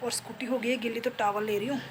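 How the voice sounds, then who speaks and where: A woman's voice: fairly high pitch, fairly even intonation, quick pace. A woman vlogger and beautician chatting playfully to her viewers from home, filmed on a phone. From Jammu. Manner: chatty, playful, talks straight to viewers with many tag questions. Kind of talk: casual chatty home vlog. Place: at home, indoors. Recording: noticeable background noise.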